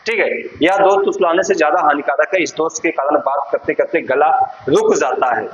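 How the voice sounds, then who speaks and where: Higher-voiced man teaching a lesson. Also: fairly bright tone, muffled recording, a little hiss or hum. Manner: explains step by step, asking and answering his own questions, often saying "ठीक है". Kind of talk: exam-prep lecture.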